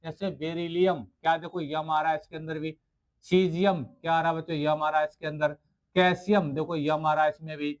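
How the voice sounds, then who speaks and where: In a school science video lecture, a man with a fairly high, level voice talks briskly while writing on the screen. He poses questions to his students, answers them himself, and repeats every key word.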